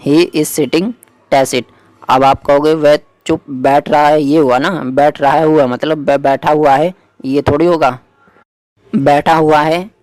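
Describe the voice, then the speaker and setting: A man teaching vocabulary in Hindi, slowly spelling out each example sentence. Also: a little high, darkish tone, no room sound. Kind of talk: explaining lesson.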